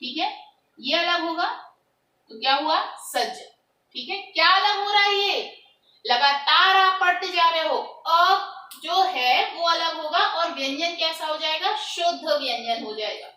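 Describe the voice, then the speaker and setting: A woman with a high voice teaches a grammar lesson, moving slowly through each step. She puts questions to her students and answers them herself. She sounds a little far off, with room echo around her. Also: animated, sharp tone. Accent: Hindi.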